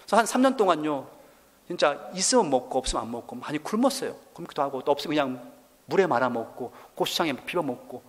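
A middle-aged Korean missionary man gives his testimony to a church, animated and heartfelt. His voice sits a little high for a man. It carries a long reverb, as if he were heard across a large church hall. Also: fast. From South Korea. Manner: animated storyteller, voice rising when moved.

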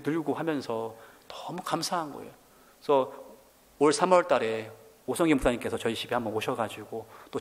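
With a mid-range voice and a long reverb tail, a man in his forties from South Korea shares his missionary testimony at a church service. His storytelling is animated, climbing higher whenever emotion takes hold.

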